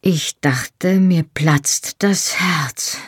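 A woman reading an audiobook, voicing a young, inexperienced man who is earnest and tender, with a soft, hushed whisper. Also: low voice, expressive, a little slow, breathy edge, no room sound, clean studio sound, full character voice.

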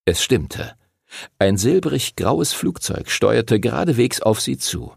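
Male audiobook narrator, husky and lively, dry studio sound. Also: mid-range voice, slow, no echo. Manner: expressive, voices characters. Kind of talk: scripted narration.

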